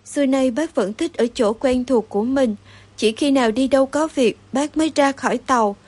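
High-voiced woman reading a story. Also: normal speed, a little mellow, no echo. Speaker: narrator.

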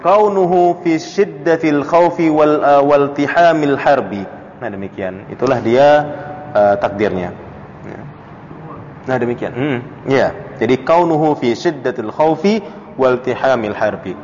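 A man teaching a classical Arabic text to a study circle, quizzing students by name and chuckling between points. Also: a little hiss or hum. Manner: questions students by name, chuckles, animated pitch jumps. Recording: dull lo-fi audio in a reverberant room.

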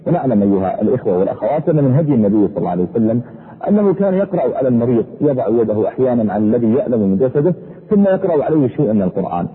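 A man preaching a sermon in a husky voice, fervent, his pitch sweeping up and down. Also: sing-song, racing. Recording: echoey hall over a tinny phone-like line.

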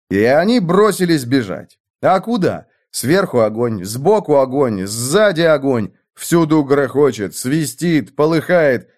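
Man narrating with a lively, swinging voice. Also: fairly high pitch. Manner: dramatic, rhythmic clipped phrasing. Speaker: audiobook narrator. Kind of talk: scripted narration.

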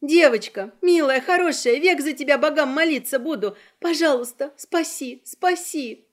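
A woman's voice: sits high, normal speed, pitched above the performer's own voice, natural voice. A woman voicing a desperate female captive begging for rescue in a pleading voice.

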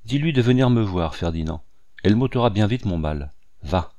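A man voicing a sick, feverish little girl who talks in a soft, plaintive way. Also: lowish voice, expressive, normal speed, dry recording, lightly acted. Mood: pleading.

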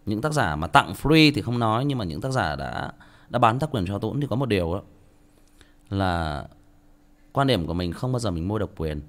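A man with a Northern Vietnamese accent, an audiobook narrator talking bluntly and self-mockingly to his listeners in a casual monologue. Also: sits low.

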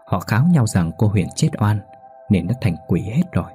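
A man voicing an anxious, superstitious old village man who speaks in a shaky, hushed way. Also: lowish voice, animated, moderate pace, faint music behind, lightly acted. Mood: fearful.

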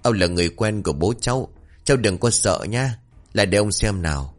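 A man playing a soft-hearted old villager. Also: on the low side, expressive, brisk, lightly acted. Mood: coaxing. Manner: gentle, coaxing, then stubborn and defensive.

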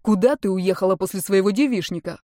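A woman's voice: medium pitch, quick pace, mellow, no echo, studio quality, close to an everyday voice. A woman reading aloud voices an agitated young man who fires off pushy, demanding questions. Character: angry, worried young man, a fiancé.

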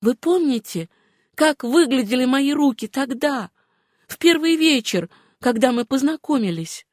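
A woman reading an audiobook voices a gentle, wistful young woman with a hard past, speaking softly. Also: sits high, lively intonation, measured pace, no echo, studio quality, voice pushed up. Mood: bitter.

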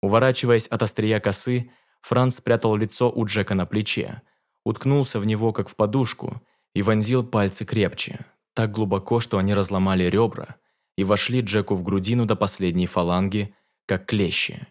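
A man narrating a fantasy audiobook in a measured, dramatic reading. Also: on the low side, fairly even intonation, a little mellow.

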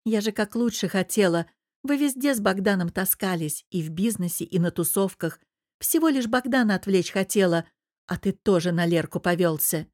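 A woman's voice: medium pitch, expressive, normal speed, darkish tone, no room sound, studio quality, close to an everyday voice. A woman reading an audiobook who voices a jealous, scheming young woman with a sulky, purring, spiteful manner. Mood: reproachful.

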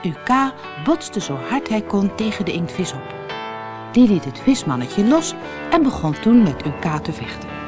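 A woman narrating a children's storybook in an expressive storytelling manner. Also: mid-range voice, normal speed, music in the background.

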